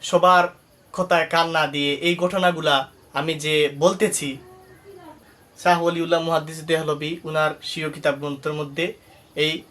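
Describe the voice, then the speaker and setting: A male Islamic preacher from Bangladesh tells a sermon story with emphatic, rising delivery. His voice sits a little high. He breaks off now and then into soft, murmured Arabic praises.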